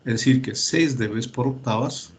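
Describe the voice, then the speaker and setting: A male teacher giving a lecture, his voice sitting at an ordinary middle pitch for a man. He works through the calculations patiently, with frequent fillers and restarts. He keeps asking whether his students are following and urges them to check the results themselves. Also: moderate pace.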